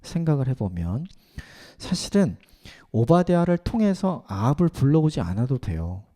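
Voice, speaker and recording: Male pastor preaching, deep warm mellow sound, acts out the lines he quotes. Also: big pitch swings, moderate pace. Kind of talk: sermon. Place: church at dawn service.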